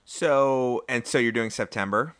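A man's voice: mid-range voice, unhurried, fairly bright tone, clear, resonant tone, no room sound, studio quality. A man hosting a podcast, talking frankly and joking, with some profanity. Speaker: podcast host. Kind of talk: casual podcast chat.

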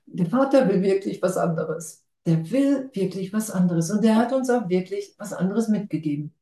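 A woman's voice: medium pitch, expressive, moderate pace, mellow, echoey room. A woman giving a spiritual talk to a group, casual and enthusiastic, laughing often. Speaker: spiritual teacher.

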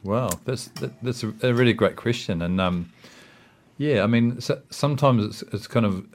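A man's voice: medium pitch, moderate pace. A man with a New Zealand accent giving a casual interview as a guest, rambling reflectively with plenty of hesitations and filler phrases. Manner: hesitant, rambling, reflective, with frequent "you know" and "I mean".

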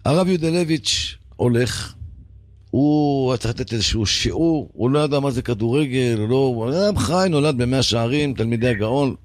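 A man giving an animated religious talk on radio, telling stories with emphatic repetition. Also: medium pitch, dry recording, clean studio sound. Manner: animated, emphatic, repeats for stress. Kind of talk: preaching talk with storytelling.

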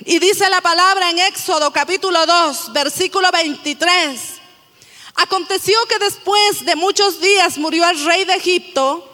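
Bolivian woman pastor preaching hard, very high voice, long reverb in a big hall. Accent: Bolivian Spanish. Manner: fervent preaching, drawn-out stressed words, rising to shouts. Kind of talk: sermon.

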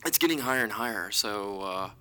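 A man co-hosting a casual podcast in a halting, stop-and-start way, sounding like he is inside a concrete bunker, in an apartment with hard walls and floors. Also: expressive, sharp tone, clear, resonant tone. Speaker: podcast co-host. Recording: boomy hard-walled room, like a concrete bunker.

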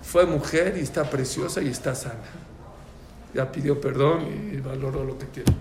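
This man teaches a religious prayer class at a moderate pace, his medium-pitched voice animated as he tells stories and plays the different voices. There's background noise, and the room sounds echoey with faint ambience.

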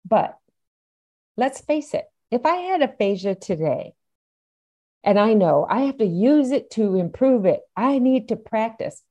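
A middle-aged or older woman, a podcast guest and aphasia advocate, explains things emphatically and stresses key points. Her voice is fairly high-pitched, mellow and very animated, and she speaks unhurriedly.

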